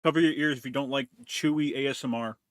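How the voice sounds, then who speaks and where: Talking quickly in a mid-range voice with fairly even intonation, a man streams from home and makes crude jokes to his chat as he chews food into a noise-removing desk mic. There's no room sound.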